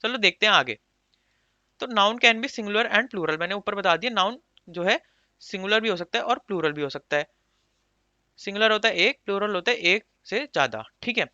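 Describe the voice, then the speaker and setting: A man's voice: high voice, expressive, moderate pace, pushed and bright, no room sound. A man teaching an exam-prep grammar lesson, repeating points and quizzing listeners with rhetorical questions. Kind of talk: English grammar lesson explained in Hindi. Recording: dull lo-fi recording.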